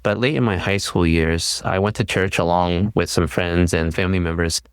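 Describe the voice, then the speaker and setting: A middle-aged man from California speaks in a measured, thoughtful way as a guest on a podcast. His voice sits low and sounds smooth and clear, with a dry, close sound. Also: steady tone, no echo. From California, United States. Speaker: guest scholar. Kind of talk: casual interview.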